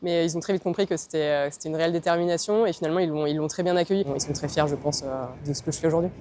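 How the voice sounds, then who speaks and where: A woman's voice: deep voice, steady tone, very fast. A woman fighter pilot from France giving interview answers and informal instructions. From Tours, France. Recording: loud aircraft and vehicle noise. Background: loud ambient airfield noise.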